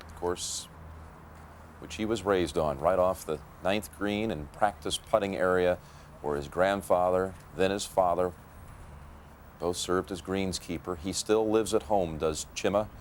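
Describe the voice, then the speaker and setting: A man anchoring live golf commentary in an understated, measured way. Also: deep voice. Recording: outdoor broadcast, faint background noise.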